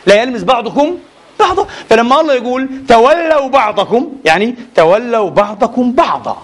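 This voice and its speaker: A man delivers a religious lecture in a high voice. He talks quickly and presses his case with rhetorical questions, then slows down to stress quoted verses. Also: lively intonation, a bit bright. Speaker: Islamic scholar lecturing.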